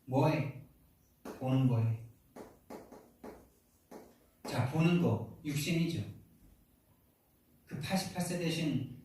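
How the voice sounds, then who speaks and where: Heated male pastor in echoey hall. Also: medium pitch. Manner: animated, heated storytelling. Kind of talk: sermon. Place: large echoey church hall. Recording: very echoey hall, distant mic.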